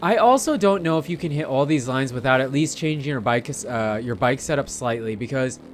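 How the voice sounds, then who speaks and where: A gamer narrates his gameplay with casual, rambling commentary, chatting informally and talking straight to his viewers. His mid-range voice is animated and brisk, with a little hiss or hum in the background.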